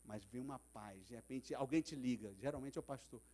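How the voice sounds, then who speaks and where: Speaking briskly in a warm, medium-pitched voice, this Brazilian Portuguese-accented man delivers a sermon as pastor during a church service. His storytelling is dramatic, and he performs the quoted voices.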